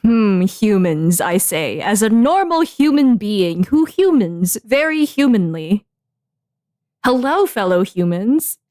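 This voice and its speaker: A woman's voice: medium pitch, big pitch swings, a little mellow, no echo, studio quality. A woman doing a stiff non-human faking being human. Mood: stiff mock-formal. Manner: slow, stiff, overly formal delivery. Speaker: streamer playing a story game. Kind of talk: mocking game dialogue.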